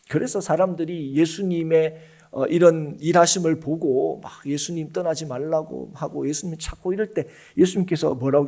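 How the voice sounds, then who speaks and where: A middle-aged man preaching a sermon in a church, asking the congregation rhetorical questions and moving between loud emphatic phrases and hushed asides. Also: fairly high pitch, creaky, husky. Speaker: pastor. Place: church sanctuary.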